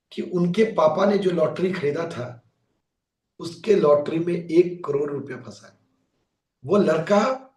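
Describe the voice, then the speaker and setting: A man who is a motivational speaker, telling a story in an animated way and acting out its voices. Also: a little high. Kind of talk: storytelling talk. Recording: echoey room, mic far off.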